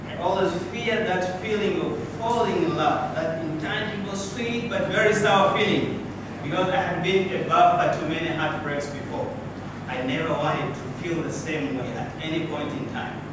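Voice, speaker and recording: A Swahili-speaking man with a voice on the high side, a club speaker, gives a prepared public speech in story form, with dramatic pauses and rhetorical questions. He's in a small indoor meeting room with an audience, recorded without a mic by a far-off camera, so the audio is distant and echoey with background noise.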